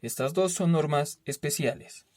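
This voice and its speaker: A man's voice: fairly high pitch, a little hiss or hum. Male teacher with frequent checking tags. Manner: explains slowly and repeats himself. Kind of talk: spelling lesson.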